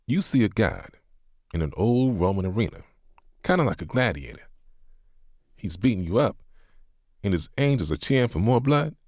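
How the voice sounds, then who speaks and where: A man voicing a patient older male pastor who speaks firmly and asks gently sarcastic questions. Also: on the low side, sing-song, normal speed, long pauses, no echo, clean studio sound, pitched above the performer's own voice. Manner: firm, instructive, wry questions.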